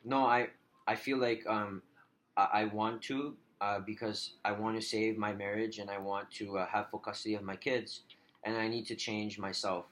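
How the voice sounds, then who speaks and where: A man with a fairly low voice answers as the client in a role-played phone counselling call. His speech is halting and hesitant, broken up by frequent filler words. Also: flat delivery, a bit bright, slight background noise. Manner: halting, hesitant, heavy use of filler 'like'.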